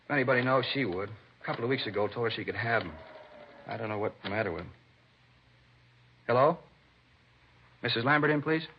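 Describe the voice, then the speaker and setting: An actor plays a talkative, defensive American man being questioned by police, in the conversational style of a 1950s radio drama. His mid-range voice is expressive and fairly quick with frequent pauses, lightly acted, eager and explaining, turning indignant when pressed. The vintage radio recording sounds dull, with a little hiss or hum.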